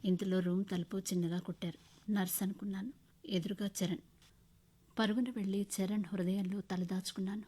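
A woman narrating a short story in the first person with emotional, expressive storytelling. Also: medium pitch, moderate pace, husky.

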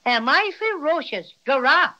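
Brief: plucky toy bear, high and bright, folksy bragging, old radio-play sound. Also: female voice, big pitch swings, measured pace, heavily acted. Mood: boastful. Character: small brave boastful male stuffed cinnamon bear. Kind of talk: 1930s radio drama acting. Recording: lo-fi 1930s radio transcription.

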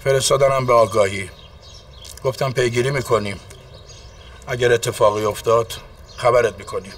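A man's voice: mid-range voice, fairly even intonation, distant mic, natural voice. An actor playing a troubled shopkeeper who earnestly explains his lost money.

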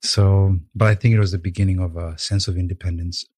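A young man from Rwanda tells his life story as a podcast guest, soft-spoken and thoughtful. His voice sits very low and has a husky edge. The sound is dry and close, with no room around it. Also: steady tone, fairly quick, dry recording. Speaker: podcast guest, yoga teacher. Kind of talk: reflective storytelling in an interview.

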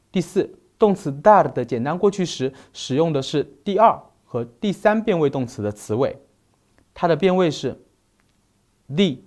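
A man teaching a recorded grammar lesson, slowly listing verb forms one by one. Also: fairly high pitch, darkish tone. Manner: slow, deliberate, spells out verb forms one by one. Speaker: Spanish teacher.

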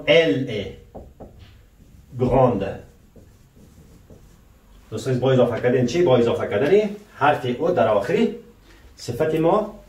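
A man teaching French grammar in Persian, often asking his viewers rhetorical questions and saying the French example sentences slowly. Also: medium pitch, darkish tone. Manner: keeps asking the viewers rhetorical questions, calling them dear friends; slow, careful pronunciation of French example sentences. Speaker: language teacher. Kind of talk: French lesson taught in Persian. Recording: roomy, voice a bit far from the mic.

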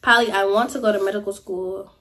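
A chatty young adult woman gives a casual life update to camera while seated in a small indoor room, using "y'all" and "like" again and again and gesturing animatedly. She talks fast in a mid-range voice.

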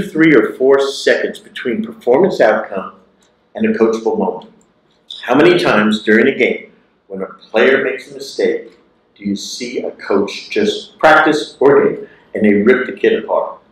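Through a lapel mic in a large, echoey lecture hall, a man in his sixties gives a motivational keynote. He is expressive and emphatic, repeating key phrases at a moderate pace in a medium-pitched voice.

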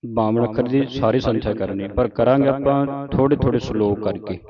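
A man leads a recitation lesson. He explains pronunciation quickly, then recites each verse slowly and carefully. The audio is dull and lo-fi, and people murmur in the background. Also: mid-range voice, steady tone, a crowd in the background. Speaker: scripture recitation teacher. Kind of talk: teaching correct recitation, line by line.

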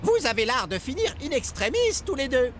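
A man's voice: very high-pitched, sing-song, moderate pace, fairly bright tone, faint music behind, pitched above the performer's own voice, heavily acted. A man voicing an eccentric, theatrical old male magician in a children's audio story, fond of grand mock oaths. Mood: exclaiming.

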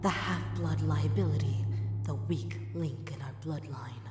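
A woman's voice: sits low, unhurried. A woman playing an imperious, scornful vampire schemer in a video game, commanding and contemptuous. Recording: echoing hall with faint music.

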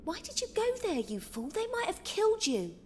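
A scornful, sharp-tongued young woman. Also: extremely high pitch, big pitch swings, normal speed, a little hiss or hum. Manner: scornful, snapping delivery. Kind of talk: video game voice acting.

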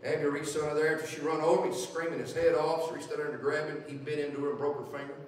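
A man's voice: fairly high pitch, little pitch movement, very fast, slight background noise. A middle-aged man preaching as an evangelist, joking through folksy stories and then turning earnest. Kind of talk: sermon with storytelling. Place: church sanctuary. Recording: echoey church from far off.

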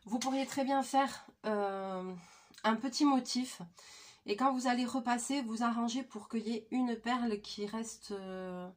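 A woman in her thirties with a voice hoarse from flu, chatting informally and with slang as she presents a craft tutorial. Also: fairly high pitch. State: hoarse, croaky from flu, coughing. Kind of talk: casual craft tutorial chat. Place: small attic room indoors.

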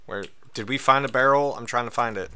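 A man's voice: medium pitch, fairly quick, bright, forceful tone, smooth. A man streaming a game with a friend, swearing a lot and yelping when startled. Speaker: gaming streamer. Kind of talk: casual gameplay chat.

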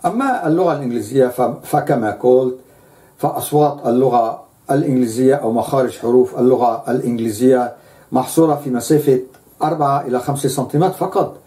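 A man's voice: medium pitch, warm tone. A man giving a lecture, speaking emphatically and repeating words for stress.

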